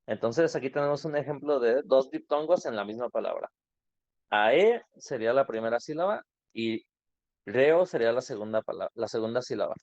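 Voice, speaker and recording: A man's voice: mid-range voice, expressive, moderate pace, a little mellow. A man teaching an online grammar class, explaining patiently and asking students questions. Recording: dull lo-fi online class audio.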